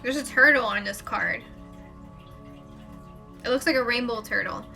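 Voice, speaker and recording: A woman's voice: on the high side, normal speed, gravelly, pushed and bright, faint music behind. A woman with children doing a casual, rambling spiritual card reading live, with plenty of fillers and self-corrections. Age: adult parent. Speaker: tarot reader.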